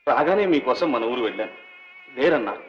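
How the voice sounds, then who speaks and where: A man's voice: mid-range voice, expressive, a little fast, slight background noise, natural voice. An actor playing an earnest, respectful young doctor devoted to his old benefactor, speaking in a deferential, emotional way in an old film scene. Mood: devoted pleading. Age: young adult. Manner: earnest, deferential, cries out in anguish. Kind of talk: 1950s Telugu film acting. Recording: dull old film soundtrack with reverb and music.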